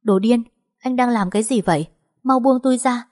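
A woman's voice: fairly quick, darkish tone, natural voice. A woman voicing a frightened, indignant young wife. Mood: outraged. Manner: high, protesting.

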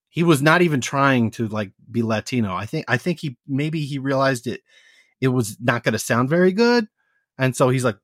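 Male podcast co-host, medium pitch, dry mic, easygoing opinions. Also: a bit bright, dry recording. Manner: offhand, sprinkles fun facts, many fillers. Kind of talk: casual chat.

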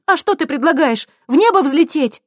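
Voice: medium pitch, steady tone, drawn-out words, darkish tone, no echo, clean studio sound, voice pushed up. A narrator voicing a feisty young woman with a blunt, snappy, exasperated way of talking. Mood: urgent.

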